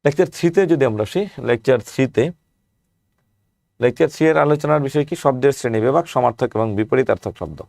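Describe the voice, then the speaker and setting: A man's voice: mid-range voice, fast talker, vocal fry, darkish tone, no echo. A man with a Bangladeshi Bengali accent teaching an exam-prep lecture. He works through lists of past questions and asks rhetorical questions as he goes.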